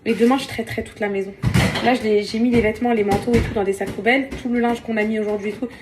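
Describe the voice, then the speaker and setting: A woman's voice: a little high, fairly even intonation, very fast, background noise. A tired young woman in casual vlog chat, venting and exasperated, often repeating herself. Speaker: vlogger. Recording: household clatter behind.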